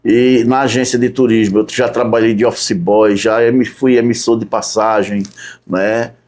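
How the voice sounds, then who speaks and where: Relaxed man from Recife in chat. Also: fairly low pitch. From Recife, Brazil. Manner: unhurried, lists his work step by step with frequent "né?". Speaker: podcast guest, tourism guide. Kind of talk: casual interview chat.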